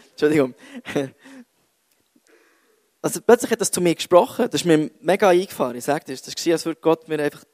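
A man's voice: a little high, gravelly, darkish tone, no room sound. A young man with a Swiss German accent giving a casual, self-mocking sermon full of jokey asides. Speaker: youth preacher.

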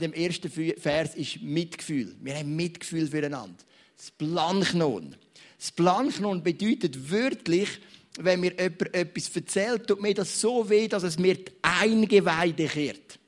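A young man with a Swiss German accent preaching a sermon in church, telling stories with big swings between loud and quiet. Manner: animated, storytelling, wide swings in pitch and loudness.

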